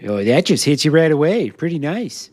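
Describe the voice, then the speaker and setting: A man's voice: normal speed, dry recording. A man streaming a survival game, chatting in character and to his viewers, laughing often as he talks. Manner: chatty, laughs often, lively swings in pitch. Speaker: streamer playing a role-play character. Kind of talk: live gameplay role-play chat.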